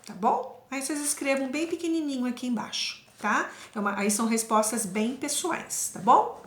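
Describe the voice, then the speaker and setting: Female schoolteacher, higher voice, careful kid-friendly explaining, echoey room. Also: a little hiss or hum. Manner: slow, careful, repeats sounds for children. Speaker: primary school teacher. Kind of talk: classroom lesson explanation.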